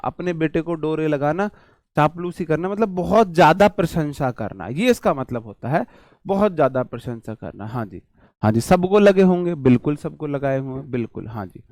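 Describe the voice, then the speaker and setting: A man's voice: on the high side, darkish tone, dry recording, clean studio sound. Chatty male vocabulary teacher. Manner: chatty, jokey, answers imagined student questions. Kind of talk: online exam-prep lesson.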